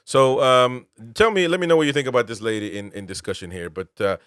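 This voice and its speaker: Peruvian-born guy ranting on his show, keeps asking are you serious, dry mic, mid pitch. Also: brisk, fairly bright tone, clear, resonant tone, no room sound. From Peru. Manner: emphatic, incredulous rhetorical questions. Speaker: show host, military veteran. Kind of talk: political commentary.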